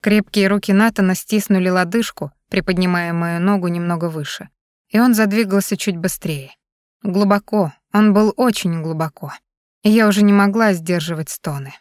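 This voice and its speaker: A woman narrating an erotic novel in the first person, with an unhurried, intimate reading. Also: mid-range voice, darkish tone, no room sound, clean studio sound. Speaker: audiobook narrator.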